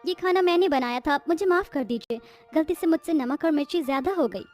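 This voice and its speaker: A woman voicing a kind, hardworking young daughter-in-law from abroad in a cartoon story, speaking gently. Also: high voice, brisk, soft background music, lightly acted. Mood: humble.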